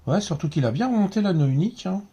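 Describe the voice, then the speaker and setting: A man's voice: sits high, lively intonation, fast talker, dark tone, slightly rough. A man with a French accent casually commenting while opening card packs, mumbling card names aloud as he goes. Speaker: card collector opening boosters.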